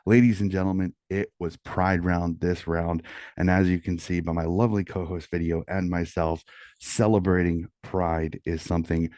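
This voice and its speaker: A middle-aged man with a deep voice hosts a sports round-up, keeping it quiet as if others are asleep at night. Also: level tone, normal speed, no echo, studio quality. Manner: hushed, quieter than normal late-night-radio delivery so as not to wake someone. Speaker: sports podcast host. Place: small room at home. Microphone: close studio mic with pop filter.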